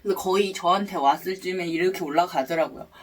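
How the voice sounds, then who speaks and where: A woman with a husky voice telling a personal story to viewers in a casual, expressive way, acting out her reactions. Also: fairly low pitch, fast talker, distant mic. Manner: expressive, acts out her reactions and sound effects.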